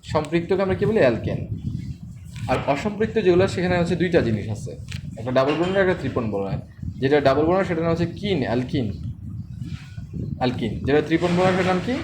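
A man's voice: fairly high pitch, lively intonation, brisk, long pauses. A man teaching chemistry to a class, asking questions and repeating the answers. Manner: quizzes students with repeated questions. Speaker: chemistry tutor. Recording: noisy screen-recorded class.

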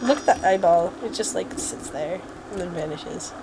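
A woman's voice: lowish voice, moderate pace, background noise. A woman giving casual, jokey let's play commentary, exclaiming and muttering to herself as she plays.

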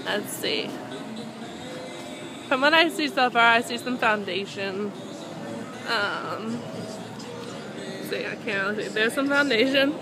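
A young woman rambles casually while walking through a theme park, filming with a handheld phone at arm's length. Her voice is on the high side, slow with long pauses and plenty of ums. Music plays in the background of this rough recording.

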